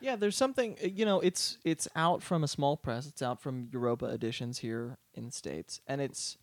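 A man's voice: mid-range voice, moderate pace, dry recording. A man co-hosts a casual book podcast in a mid-range voice. He rambles easily, trailing off into fillers. The sound is close and dry. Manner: relaxed, chatty, trails off with fillers. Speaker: podcast co-host.

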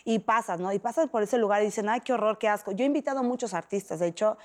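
A middle-aged Mexican woman, a podcast guest, tells an emotional personal story in an animated way, acting out the voices of people she quotes. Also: mid-range voice, fast.

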